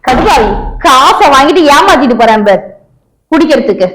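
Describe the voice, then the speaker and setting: A woman's voice: sits high, sing-song, normal speed, noisy background. A woman acting a nagging wife in a comedy sketch. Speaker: comic sketch actor.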